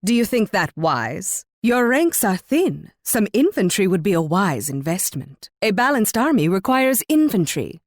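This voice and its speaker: A woman's voice: medium pitch, sing-song, a little slow, few pauses, no room sound, clean studio sound. An actress playing an imperious, cruel Spanish warrior queen in a video game, commanding, condescending and taunting. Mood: condescending, critical. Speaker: video game character voice actor. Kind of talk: theatrical video game voice lines.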